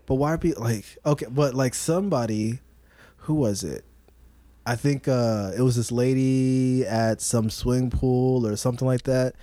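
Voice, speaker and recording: A man's voice: medium pitch, steady tone, measured pace, dark tone, no room sound. A man in a casual chat, a father talking with jokes, slang and many fillers. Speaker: podcast co-host, father.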